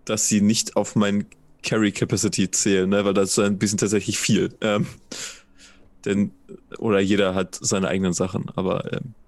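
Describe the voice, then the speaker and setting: Low, dry-sounding man in a tabletop game. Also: little pitch movement, moderate pace, dry recording. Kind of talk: casual in-game discussion.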